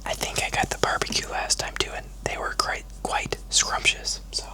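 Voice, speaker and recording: For an ASMR mukbang video, a food vlogger leans in close to the microphone and whispers in an easygoing, conversational way, never rushing.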